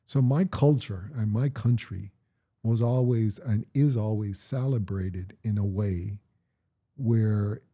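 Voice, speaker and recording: A middle-aged Jamaican man with a Jamaican accent talks casually with his daughter, who is interviewing him. His warm voice sits on the low side, and he reflects on things through measured storytelling.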